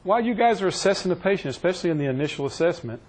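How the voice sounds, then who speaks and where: A man's voice: high voice, animated, racing, darkish tone, rough recording. A man teaching a classroom EMS training session, quizzing his trainees and joking with them. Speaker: EMS instructor.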